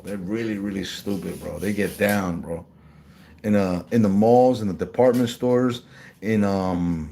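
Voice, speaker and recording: A man chatting casually in a slangy, rambling way, with many restarts, calling the listener bro and acting out the people he quotes in a higher voice. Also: a little mellow. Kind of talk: casual chat.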